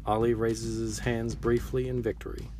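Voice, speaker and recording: A man's voice: mid-range voice, level tone, normal speed. A man reading a scripted, dramatic narration for a podcast. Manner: dramatic storytelling. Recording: narration over clear background music.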